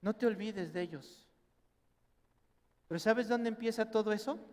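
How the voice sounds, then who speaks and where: A middle-aged man with a Mexican accent preaching a sermon as pastor, animated and acting out family members in quoted voices. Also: sits high, normal speed. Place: church hall. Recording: long reverb in a church hall.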